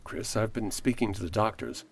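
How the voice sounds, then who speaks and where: A man's voice: fairly low pitch, normal speed, gravelly, no echo. A man playing an earnest, persuasive, idealistic lawyer in a radio play. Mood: pleading. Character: earnest, idealistic male lawyer defending a friend.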